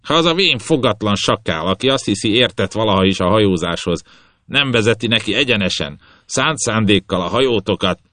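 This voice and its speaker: A man's voice: fairly low pitch, lively intonation, sharp tone, no room sound, voice pushed up. Man putting on a cruel old bearded ship captain, blustering and menacing, raised voice, dry close sound. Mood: scornful. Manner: menacing, blustering, hisses threats. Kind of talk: audiobook character voice.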